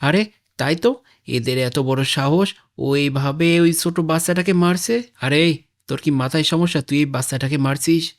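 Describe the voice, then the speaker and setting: A man's voice: on the high side, brisk, close to an everyday voice. A man voicing a brave, defiant father in a cartoon who stands up to a gang. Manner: forceful, pleading when cornered. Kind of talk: animated game-parody voice acting.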